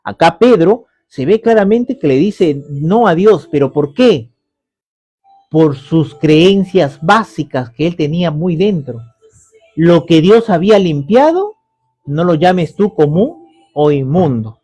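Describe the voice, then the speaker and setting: A man's voice: a little high, expressive, slow, warm tone, breathy edge, no echo, soft background music. A male pastor giving a conversational sermon full of rhetorical questions and tag questions.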